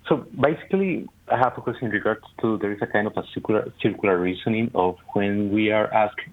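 A man calling in to a radio show on speakerphone, his voice echoey and halting as he restarts his sentences. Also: on the low side. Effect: echoey speakerphone sound. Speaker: caller. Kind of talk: call-in question to a radio show. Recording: tinny echoey speakerphone call.

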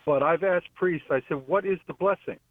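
A man calling in to a radio show over a buzzy, glitchy phone line that cuts out. He speaks haltingly, often losing his thread and starting over. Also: fairly high pitch, no room sound. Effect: buzzy, glitchy phone call audio that cuts out. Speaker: caller. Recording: tinny dry phone line.

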